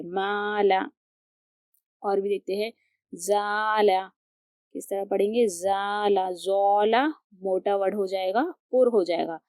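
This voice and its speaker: A woman's voice: medium pitch, warm tone, no echo, clean studio sound. A woman teaching Quran reading to beginners, who patiently repeats each example word and asks her students questions. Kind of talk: step-by-step tajweed lesson.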